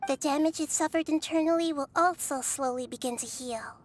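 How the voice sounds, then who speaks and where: Nahida, a woman voicing a soft-spoken wise child goddess. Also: high voice, fairly quick, natural voice. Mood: calm. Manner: calm, soft-spoken and explanatory, sometimes whispery. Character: small young goddess girl, calm, wise, gentle.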